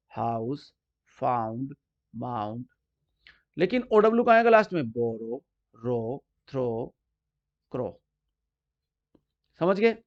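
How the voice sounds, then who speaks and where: A man teaching English spelling rules, explaining slowly and repeating examples, stressing the key words. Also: a little high, darkish tone. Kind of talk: explanatory lesson. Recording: dull lo-fi recording.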